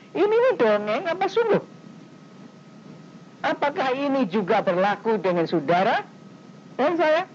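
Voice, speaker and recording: A man preaching a sermon in an animated, conversational way, with sudden leaps in pitch. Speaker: pastor. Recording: dull, slightly noisy 1990s recording.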